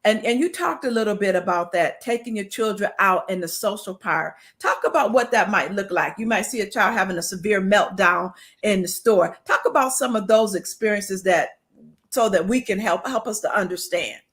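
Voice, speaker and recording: A woman's voice: mid-range voice, lively intonation, normal speed, fairly bright tone. A woman hosting an interview who asks thoughtful, inviting questions. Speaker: interview host.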